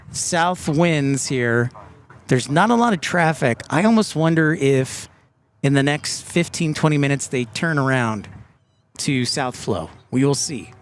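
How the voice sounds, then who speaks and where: Chatty man hosting an outdoor live stream. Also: fairly high pitch. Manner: relaxed, reads viewer comments aloud. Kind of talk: casual live-stream chat. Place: outdoors by an airport.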